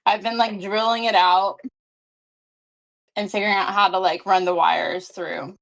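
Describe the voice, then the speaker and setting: A woman's voice: mid-range voice, fairly even intonation, measured pace, vocal fry, fairly bright tone. A woman player in casual chat on a tabletop game stream, friendly, a bit sheepish, laughing easily.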